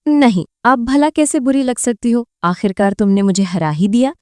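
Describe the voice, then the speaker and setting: A woman voicing a proud, brooding young man who is the hero of a romance audiobook, speaking stern and then tender, without lowering her own voice. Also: lively intonation, darkish tone, clean tone, no echo, clean studio sound, natural voice.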